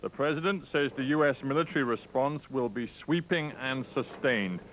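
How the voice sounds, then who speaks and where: A man files a scripted news report in a measured, grave tone, his voice sitting in a middle register. The sound comes from a worn tape copy of the broadcast, with a faint hiss running underneath. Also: mid-range voice, fairly bright tone, rough recording. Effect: worn VHS tape copy. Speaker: news correspondent.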